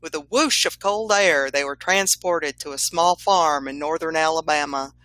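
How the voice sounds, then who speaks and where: A woman narrating a comedic story in a deadpan, matter-of-fact way. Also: deep voice, normal speed, no echo, rough recording.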